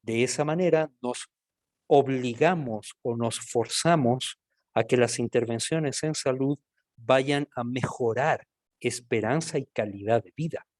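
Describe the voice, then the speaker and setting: A man from Ecuador with an Ecuadorian accent, a physician giving a measured, explanatory recorded medical lecture that addresses listeners directly. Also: medium pitch, darkish tone, no echo, studio quality. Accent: Ecuadorian Spanish.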